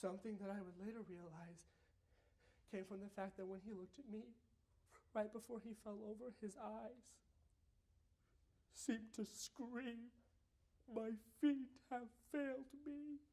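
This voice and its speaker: A young man performing a dramatic prose interpretation as a college competitor, halting and repeating phrases, swinging from hushed lines to shouting. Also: high voice, level tone. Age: young adult.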